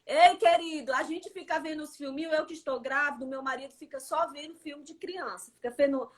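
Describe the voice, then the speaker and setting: A woman preaches in a prayer livestream, her voice set high. She speaks fervently and keeps turning to her listeners as "dear". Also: brisk. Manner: fervent, addresses listeners as "querido".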